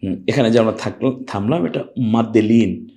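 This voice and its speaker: A man from Bangladesh gives a step-by-step Quran recitation lesson, patiently spelling out letters and vowel marks one at a time before breaking into long, drawn-out melodic chanting of the verse. His voice is fairly low and mellow.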